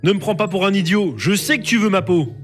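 A woman's voice: a little fast, faint music behind, close to an everyday voice. A woman voicing a greedy, scatterbrained young male rooster who shrieks for help. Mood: defiant. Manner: shrill cries for help.

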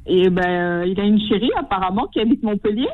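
A woman's voice: medium pitch, a little fast, no echo, phone-quality sound. A woman co-hosting a radio show in casual chat, gossipy and laughing. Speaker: radio co-host.

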